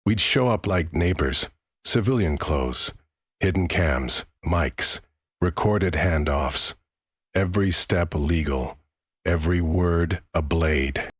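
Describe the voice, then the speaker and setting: A man narrating a first-person story script in a grave, measured way. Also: deep voice, slightly rough, dry recording, studio quality.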